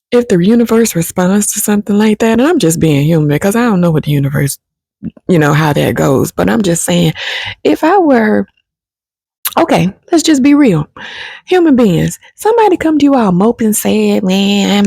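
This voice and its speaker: A woman's voice: mid-range voice, vocal fry, warm tone, slightly rough, no echo. A woman giving a reflective spiritual talk, musing unhurriedly and turning emphatic and jokey with casual slang. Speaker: spiritual advice speaker.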